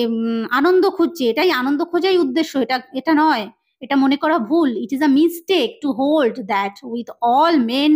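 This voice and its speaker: High-voiced woman teacher, Bengali accent. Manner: reads English lines slowly, then explains quickly in Bengali. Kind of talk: line-by-line text explanation lesson.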